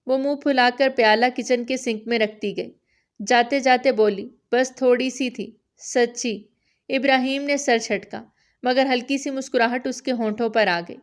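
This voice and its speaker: A woman reading a novel aloud in steady, even scripted narration. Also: a little high.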